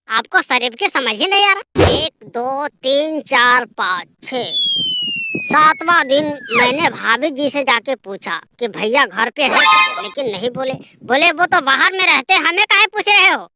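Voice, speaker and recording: A woman voicing squabbling small-town men in a cartoon, scolding and bickering coarsely. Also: high voice. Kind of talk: cartoon voice acting. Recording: loud background noise.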